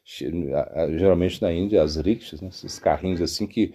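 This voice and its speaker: A monk teaching devotional philosophy gives a spiritual talk, his low, slightly rough voice moving at a moderate pace. He tells a story as an animated storyteller, restarting often and tossing in frequent tag questions like "né?"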